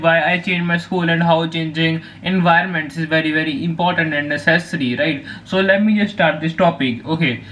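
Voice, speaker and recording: This teenage vlogger, a native Hindi speaker from Punjab, talks loosely to the camera in an Indian accent, filling gaps and starting over often. His pitch is fairly high and his tone fairly bright, though the recording is rough.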